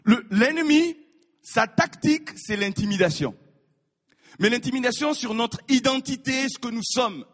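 A man preaching a sermon, animated, repeating his words and acting out the people in his stories. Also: very high-pitched, normal speed. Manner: animated, repeats words, acts out voices of biblical figures. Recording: reverberant hall.

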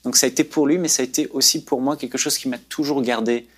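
A man's voice: medium pitch, fairly even intonation, fast talker. Male guest, earnest preacherly storyteller, faith testimony.

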